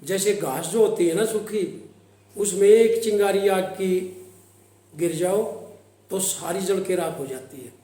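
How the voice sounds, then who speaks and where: A man with a high, mellow voice telling a devotional story, slowing into a recitative cadence whenever he quotes a verse. The room around him is echoey. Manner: slow, recitative when quoting verses.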